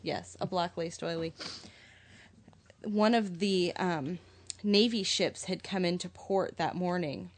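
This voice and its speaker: A woman's voice: fairly low pitch, slow pace. A woman co-hosting a podcast, telling a story in casual chat. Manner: animated storyteller, chatty. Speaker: podcast co-host.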